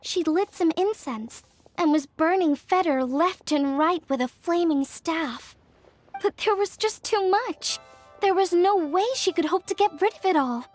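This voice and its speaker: In a game cutscene with faint music behind her, a young woman voices an earnest craftswoman from a fortune-telling clan. Her voice is extremely high and her pace measured as she explains things modestly and carefully.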